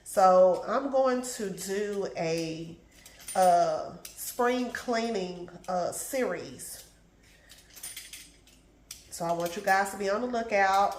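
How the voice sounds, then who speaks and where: Cooking in her home kitchen, a middle-aged woman lifestyle vlogger chats casually, sounding congested and calling her viewers "y'all" and "baby." Her medium-pitched voice moves slowly, and the recording is reverberant with a little hiss or hum.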